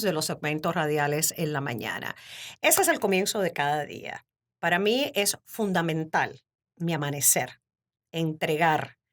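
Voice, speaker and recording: Woman, 50s, Cuban accent, interview guest, animated, laughs often. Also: mid-range voice. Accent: Cuban Spanish. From Cuba. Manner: warm, animated storytelling with frequent laughter. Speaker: podcast guest. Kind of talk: casual interview talk.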